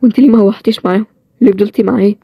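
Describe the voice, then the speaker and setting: A woman voicing a tired, stubborn young man with an Egyptian accent, in a low-key, plain-spoken way. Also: steady tone, racing, vocal fry, slightly rough, no echo, highs cut off. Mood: calm. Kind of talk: storybook role-play series.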